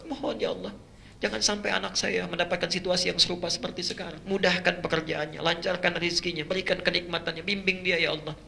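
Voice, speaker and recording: Poor mother done by a man, quiet teary prayer for her kid, voice sits a bit high. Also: little pitch movement, quick pace, vocal fry, a little hiss or hum, exaggerated voice. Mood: pleading. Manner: soft pleading prayer. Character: poor older mother praying tearfully for her child.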